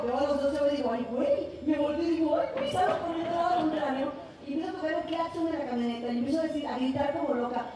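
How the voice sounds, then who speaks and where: A Mexican woman in her thirties giving a talk at a university, telling a story and acting out the scene. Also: sits high. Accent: Mexican Spanish. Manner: lively storytelling, acts out the scene. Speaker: speaker. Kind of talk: conference talk. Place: university auditorium. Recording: very echoey hall, distant mic, faint noise.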